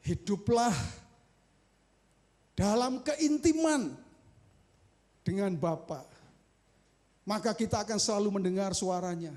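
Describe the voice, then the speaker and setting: A man preaching a sermon as pastor, calling out to the congregation and swinging between loud emphasis and soft asides. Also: high-pitched, moderate pace. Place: church sanctuary.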